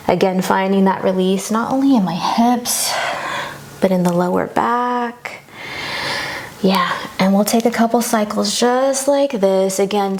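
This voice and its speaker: A woman's voice: mid-range voice, vocal fry. A woman yoga instructor guiding a class through poses in an encouraging, reassuring and informal way.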